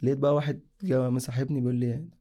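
A man's voice: medium pitch, fairly even intonation, rapid-fire, mellow. A young man from Sudan, casually telling his own story in a rambling way, often correcting himself mid-sentence. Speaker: guest sharing a personal story.

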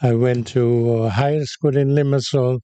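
An older man from Cyprus, born in Haifa, interviewed as a guest, telling his story in an unhurried, reflective way. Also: mid-range voice, steady tone, mellow, no room sound. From born in Haifa, raised in Cyprus. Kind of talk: interview conversation.

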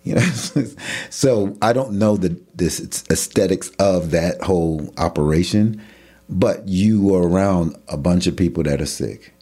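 Man, deep husky voice, casual Bible talk, animated retelling. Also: a little slow. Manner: animated, acts out imagined voices in a rising tone. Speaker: Bible study co-host.

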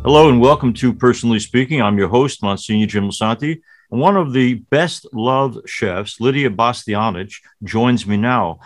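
A male priest hosts a television interview show, reading a scripted introduction before moving to easy conversational questions with the occasional filler. His voice sits in the mid-range and he speaks at a moderate pace.

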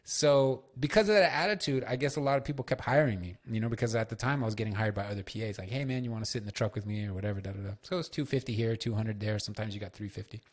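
A man's voice: fairly low pitch, rapid-fire, hardly any pauses. A man hosting a solo podcast, telling loose, profane stories with lots of fillers. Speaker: podcast host.

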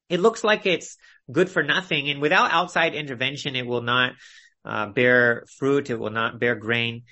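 This man, speaking at a medium pitch with a pushed, bright tone, teaches an expository Bible study through a video call. He sounds earnest and instructive, choosing his phrases in a measured way.

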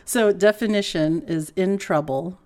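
Giggly woman co-host, low voice. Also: a little slow, a crowd in the background. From grew up in a Filipino bilingual household. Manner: giggly, animated, laughs often. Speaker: podcast co-host. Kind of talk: casual chat.

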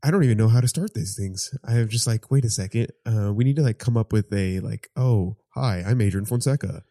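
A man's voice: lowish voice, brisk, dark tone, no echo, studio quality. A man in his early twenties co-hosting a casual podcast, hesitant and laughing, full of fillers. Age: 20s. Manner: hesitant, laughing, lots of likes and ums. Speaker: podcast co-host. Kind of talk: casual chat.

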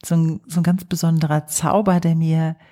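A woman psychologist and coach hosting her podcast, talking gently and thoughtfully with pauses in a calm reflective monologue. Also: sits low. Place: home, early morning.

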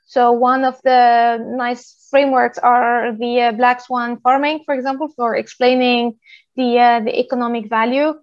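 A woman from Tunisia in her thirties gives a presentation on product work, pausing often with "uh" as she explains step by step. Her voice sits a little high. The recording is dry and slightly dull. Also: dry recording. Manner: steady explanatory delivery with frequent "uh" pauses. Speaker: guest speaker, product manager. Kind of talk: presentation talk.

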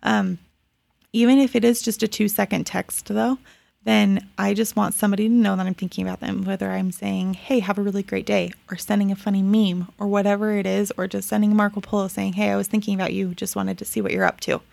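A woman's voice: medium pitch, level tone, brisk, gravelly, darkish tone, no room sound. A woman hosting her own podcast, talking casually and upbeat, often repeating words for emphasis. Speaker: podcast host. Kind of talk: casual solo podcast talk.

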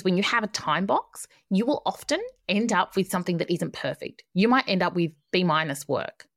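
In a clean studio recording with no room sound, a medium-pitched woman hosts a podcast offering productivity coaching. Her advice monologue is upbeat and tidy, instructive and emphatic, and she builds her points through repeated phrases.

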